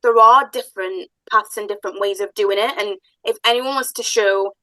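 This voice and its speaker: A woman's voice: mid-range voice, moderate pace, no room sound, low-quality recording. A woman hosting a podcast and running her own business, talking in a chatty, enthusiastic way as she tells stories and sets up questions. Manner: chatty, enthusiastic, animated storytelling. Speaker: podcast host, business owner. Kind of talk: casual podcast conversation.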